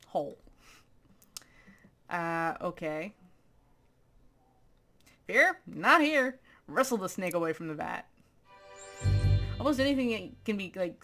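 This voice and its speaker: A woman playfully reading a text adventure aloud, laughing often and adding dramatic flair to the lines. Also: lowish voice. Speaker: gaming video host.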